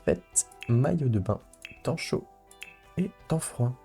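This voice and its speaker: A young man talks his viewers through his game in a loose, casual way. His voice is mellow and warm, and he keeps looping back with fillers and half-started phrases. Soft music runs faintly behind him. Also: mid-range voice, animated, slow, vocal fry. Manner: rambling, many fillers and restarts. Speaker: let's play host. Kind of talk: casual gameplay commentary.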